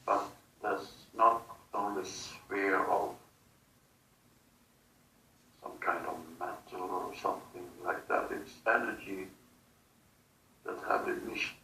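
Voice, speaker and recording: A man under hypnosis channels otherworldly beings in a guided session, delivering a very slow, halting monologue of broken phrases separated by long gaps. His low voice stays steady and carries a bright, gravelly edge. The recording sounds distant and roomy, with faint noise.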